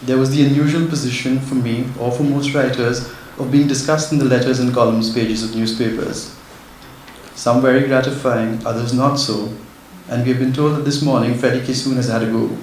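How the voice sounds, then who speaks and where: A man's voice: medium pitch, fairly even intonation, fairly quick, darkish tone. A man reads a prepared literary talk as an author, sounding nervous and earnest. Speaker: author giving a speech. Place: echoey indoor event venue. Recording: very echoey hall, faint background noise.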